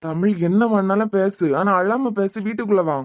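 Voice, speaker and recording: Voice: mid-range voice, no room sound, natural voice. A voice actor playing a bewildered young husband in a cartoon, pleading with his crying wife. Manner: confused, pleading, quick-talking.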